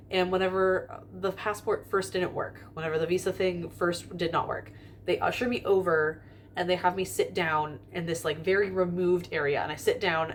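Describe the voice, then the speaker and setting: Young woman, slightly low, rambly self-filmed vlog, faint terminal hum behind. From United States. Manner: rambling, with many fillers and restarts. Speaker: vlogger. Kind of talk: casual storytime to camera. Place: indoor airport terminal. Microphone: camera filming herself in front of a window.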